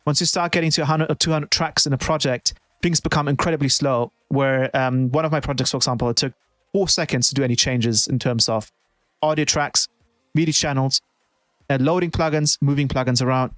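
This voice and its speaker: A man's voice: medium pitch, fairly even intonation, a little fast, fairly bright tone, no room sound. A man who produces music, chatting casually on a live stream and thinking aloud with many restarts.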